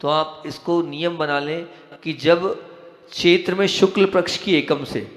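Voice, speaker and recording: A man's voice: fairly high pitch, fairly bright tone. A man giving a devotional talk on seasonal diet, rattling off foods and stressing warnings to his listeners. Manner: rapid list-giving, emphatic warnings. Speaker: spiritual lecturer. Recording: echoey hall recording.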